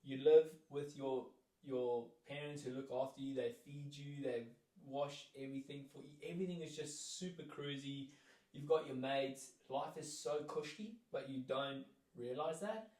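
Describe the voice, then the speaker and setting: A man's voice: mid-range voice, normal speed, warm tone. Rambling young man telling a story. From South Africa. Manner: rambling, lots of "like" fillers, acts out quoted lines. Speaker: interview guest. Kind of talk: casual storytelling. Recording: roomy echo, mic at a distance.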